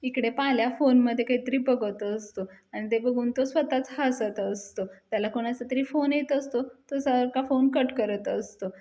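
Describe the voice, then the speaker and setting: A woman who reviews a TV serial, retelling the episode as brisk storytelling narration. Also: on the high side, warm tone.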